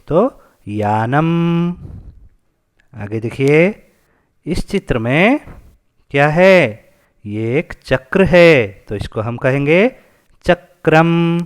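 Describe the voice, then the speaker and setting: A man teaching a Sanskrit lesson to children, patiently asking questions and answering them himself. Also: mid-range voice.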